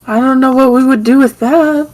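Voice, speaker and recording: A young woman plays in a tabletop game, eager and excitable. Her voice is high, and the sound is close and dry. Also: normal speed, dry recording. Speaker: player.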